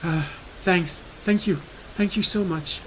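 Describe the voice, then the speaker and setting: A man's voice: high voice, fairly even intonation, a little slow, fairly bright tone, slight background noise, pitched above the performer's own voice, rough recording. A man voicing a rescued townsman who gushes his thanks. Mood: grateful. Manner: effusive, breathless thanks. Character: grateful rescued male townsman.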